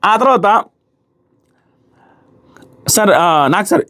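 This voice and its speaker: A man's voice: sits high, expressive, takes it slowly, sharp tone. A young man giving casual, opinionated commentary as a reality show reviewer, emphatic and full of rhetorical questions.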